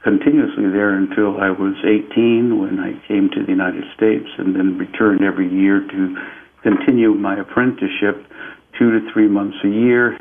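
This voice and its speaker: A man from Peru, an interview guest, telling a spiritual story in a slow, reflective way and often repeating "and" as he searches for words. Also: lowish voice, flat delivery, gravelly, slight background noise. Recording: tinny phone-like line.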